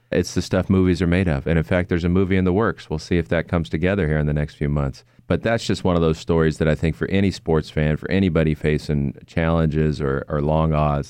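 A man's voice: extremely low pitch, darkish tone, clear, resonant tone, dry recording. A middle-aged man, a sports announcer telling stories in an earnest, reflective way during an interview. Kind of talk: conversational interview.

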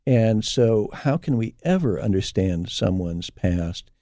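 A man's voice: lowish voice, animated, takes it slowly, dark tone, no echo, studio quality. An older man, an archaeology professor, talking earnestly in a casual interview and telling stories. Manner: earnest, storytelling, quotes himself.

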